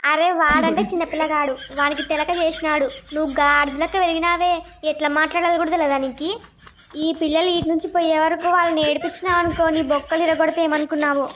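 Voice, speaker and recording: Cartoon grandma, scolding, very high, flat sing-song delivery, as a performer puts her on. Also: fast talker, slight background noise. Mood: angry. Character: scolding grandmother, mother of the household. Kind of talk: cartoon voice acting.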